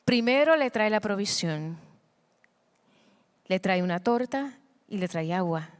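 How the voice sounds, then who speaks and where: A woman pastor preaching a sermon with passion, moving between hushed and loud passages, moved by her own words and calling the congregation to repeat after her. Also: medium pitch, expressive, unhurried, clean tone, in a large hall.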